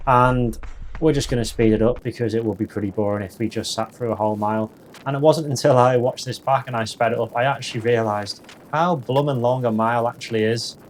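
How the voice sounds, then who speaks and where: A man's voice: medium pitch, a little hiss or hum. A man giving casual voice-over commentary on his own vlog. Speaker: vlog narrator.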